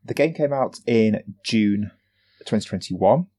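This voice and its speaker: A man's voice: fairly low pitch, expressive, a little slow, dark tone. A man in his thirties, co-hosting a casual games podcast and explaining a game at length. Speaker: podcast co-host.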